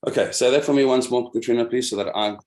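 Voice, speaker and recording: A man's voice: medium pitch, quick pace, a little mellow, roomy sound. A man leading an online meeting of instructors, patiently explaining a program step by step and often repeating words as he searches for them. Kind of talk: explaining a program on a video call. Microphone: video call.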